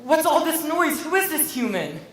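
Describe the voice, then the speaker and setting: Young actress as an otter, theatrical and gloomy, high voice, echoey stage hall with music behind. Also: female voice, sing-song, normal speed, far from the mic, slight background noise. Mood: alarmed. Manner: dramatic, complaining, self-pitying. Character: fretful pessimistic otter turned human. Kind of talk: school stage play.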